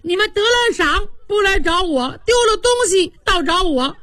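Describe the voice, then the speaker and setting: A woman voicing a spoiled young boy who whines and shouts in tears. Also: normal speed, no echo, clean studio sound. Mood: tearful outrage. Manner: shrill, tearful shouting. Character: spoiled crybaby boy, whining and indignant.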